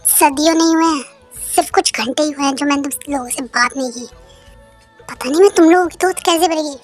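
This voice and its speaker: A stubborn, fiery young woman who snaps and scolds in a fan-dubbed audio story, put on by a young performer. The voice sits high and quick to bite back, over faint music. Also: lightly acted. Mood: sulky. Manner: scolding, sharp retorts.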